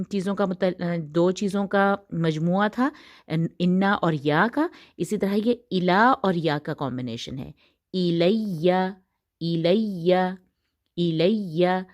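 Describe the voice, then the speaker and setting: Slow, patient woman Quran teacher. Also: on the low side. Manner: patient, drawn-out recitation of Arabic words between explanations. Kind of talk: tajweed lesson, explaining and reciting slowly.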